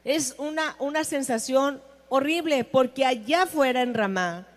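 A woman preaches a sermon in a high voice, taking her time over each phrase. She stresses her points and turns to the listeners with questions. A long reverb trails after her words. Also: a little slow. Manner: emphatic, asks the audience questions.

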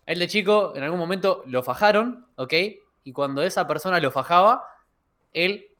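A man with a Rioplatense Spanish accent co-hosting a podcast, telling stories in a lively way and acting out the dialogue, recorded over a video call. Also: sits high, normal speed. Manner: lively storyteller who acts out dialogue. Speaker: podcast co-host. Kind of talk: casual chat, storytelling.

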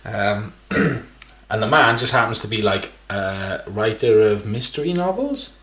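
A man's voice: lowish voice, animated, unhurried, fairly bright tone, roomy sound. A man casually recapping a film on a podcast, swearing, laughing often and acting out the scenes. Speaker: podcast co-host.

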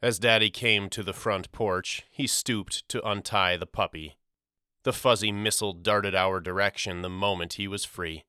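A male audiobook narrator telling a first-person story in a measured, steady way. His voice is rather low, with a bright and crisp tone. The recording is dry, with no room sound. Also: no room sound.

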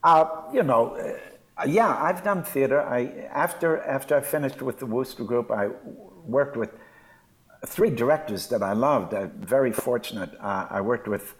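An older man co-hosting a podcast chats casually in a mid-range voice at normal speed. He's thoughtful and hesitant, using lots of fillers.

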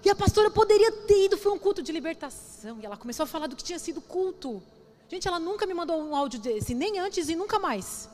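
A woman's voice: high-pitched, sing-song, quick pace. A woman pastor with a Brazilian Portuguese accent preaching at a women's church gathering, emotional and conversational, asking the audience questions. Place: church hall. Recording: echoey church hall with music.

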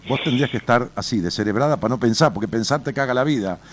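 A man's voice: medium pitch, very fast. A man with an Argentine accent giving advice on a radio show, blunt and colloquial, telling folksy stories to a caller. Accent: Argentine Spanish. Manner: blunt and colloquial, swears freely; animated storyteller, addresses listener directly. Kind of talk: advice talk with storytelling.

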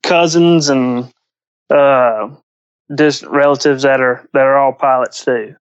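Male podcast guest, very unhurried, halting, clean smooth tone, dry lo-fi sound. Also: medium pitch, fairly even intonation, dry recording. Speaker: podcast guest, agricultural pilot. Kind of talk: casual interview chat.

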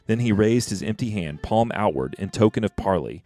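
Deep-voiced man co-hosting a podcast. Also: fairly quick, soft background music. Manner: relaxed, rambling, with restarts. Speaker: podcast co-host. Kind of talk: casual podcast chat and book reading.

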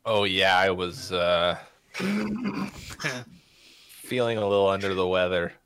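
A man's voice: deep voice, very animated, slow, fairly bright tone, smooth, heavily acted. A man voicing a simple-minded, friendly young man in a tabletop game, easygoing and chatty.

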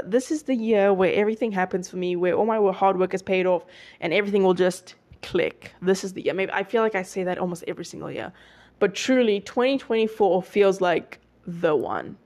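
A woman's voice: mid-range voice, darkish tone. Chatty young woman podcaster. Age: young adult. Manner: chatty, rambling, lots of fillers and self-corrections. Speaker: podcast host. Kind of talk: casual solo podcast chat.

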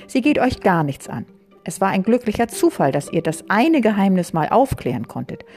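A woman voicing a proper, stern mother who scolds her children in a raised, brisk voice. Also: fairly low pitch, sing-song, mellow, faint music behind. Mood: reproving.

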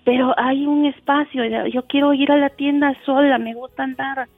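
Woman caller, chatty, hesitant starts, high voice, muffled phone sound. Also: fairly even intonation, normal speed, dry recording, soft background music. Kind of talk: phone-in chat.

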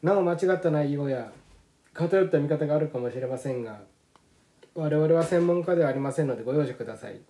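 Middle aged guy w kansai accent, slightly high voice, casual podcast host. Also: fast, dark tone.

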